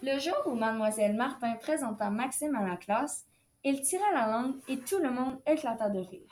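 A woman with a high, light voice reads a children's picture book aloud, telling the story expressively. The recording carries a noticeable room echo. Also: lively intonation, normal speed, darkish tone, slight background noise. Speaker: storybook reader. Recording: echoey room.

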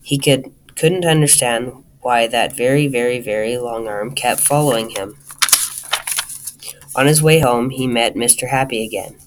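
A man reading a children's storybook aloud, talking straight to the listener in a lively way. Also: medium pitch, unhurried, background noise. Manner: lively, addresses the listener directly.

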